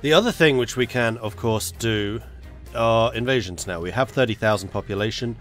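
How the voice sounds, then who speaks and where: Stuffed up from a cold, a man streams a strategy game live, thinking aloud and chatting easily with his audience as he mutters over his plans. He talks at normal speed in a mid-range voice over faint background music.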